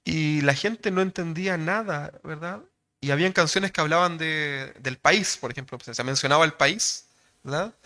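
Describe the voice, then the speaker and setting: A man's voice: a little high, moderate pace, sharp tone. A man with a Chilean accent preaching a sermon in a conversational way, checking in with rhetorical questions after nearly every phrase. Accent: Chilean Spanish.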